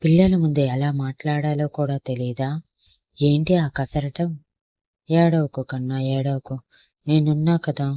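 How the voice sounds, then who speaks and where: A woman's voice: deep voice, fairly even intonation, unhurried, dark tone, no echo, muffled recording. A woman reading the lines of a young father who talks in a coaxing, soothing way. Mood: stern. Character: young father, tender, stubborn man.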